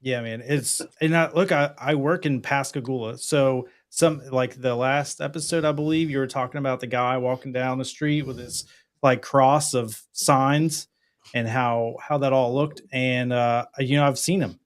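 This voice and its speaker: A man's voice: medium pitch, steady tone, normal speed. Enthusiastic man, rambling co-host. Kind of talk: casual chat on a livestream.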